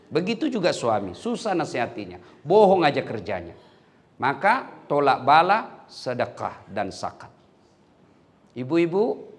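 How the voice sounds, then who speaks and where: A man preaching a humorous sermon who tells jokes and stories and acts out the lines of the people in them. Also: medium pitch. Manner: joking, storytelling, acts out quotes. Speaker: Islamic preacher.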